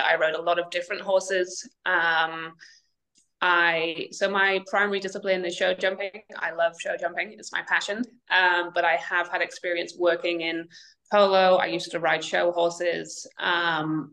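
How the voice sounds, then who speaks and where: A woman in her thirties with a bright, clear voice, talking easily as a podcast guest. She sits a little low in pitch and fills her answers with "um"s and small laughs. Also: low-quality recording. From Wales. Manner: chatty, laughs between remarks, many "um"s. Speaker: guest equine nutrition specialist. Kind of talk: casual podcast interview.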